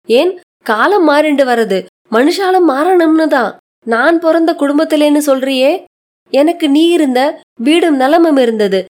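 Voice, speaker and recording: A woman's voice: sits high, darkish tone, natural voice. A woman reading a short story aloud, voicing an aged widowed grandmother who reproaches and pleads in old-fashioned homely speech. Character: aged widowed grandmother, grieving yet resolute.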